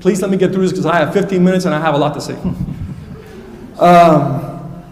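Man, high voice, measured academic debate remarks, long hall reverb. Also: darkish tone, a little hiss or hum. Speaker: debate speaker. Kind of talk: formal critical debate remarks. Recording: echoey hall, distant mic.

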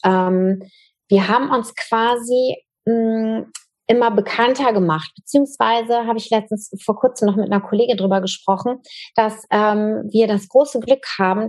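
A woman's voice: medium pitch, a little mellow. A woman guest in an interview, talking casually and thoughtfully about her work as a trainer, with frequent fillers and restarts. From Germany.

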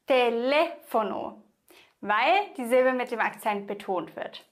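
A young woman teaching Spanish pronunciation in German, slowly and carefully, repeating each example word for the listener to echo. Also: a little high, animated. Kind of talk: online language lesson.

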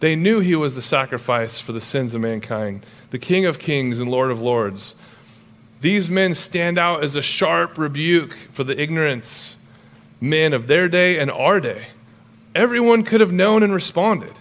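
A middle-aged male pastor preaching a sermon in a lively, conversational way with humorous asides. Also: on the high side, measured pace.

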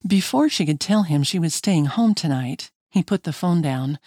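Woman narrating an audiobook, low and dry. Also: dry recording. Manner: measured, expressive reading. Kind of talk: scripted narration.

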